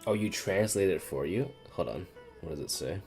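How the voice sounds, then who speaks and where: A woman streams a game, reacting emotionally and swearing casually as she talks back to it during a live playthrough. Her voice is rumbling low, expressive and mellow at a normal speed, with game music in the background.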